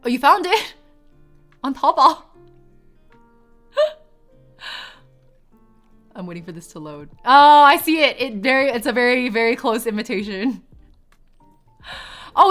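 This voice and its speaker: Giggly bright-voiced woman streamer. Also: high-pitched, very animated, a little slow, long pauses, soft background music. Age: 20s. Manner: rambling, giggly, swears casually. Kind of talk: casual chat with live chat.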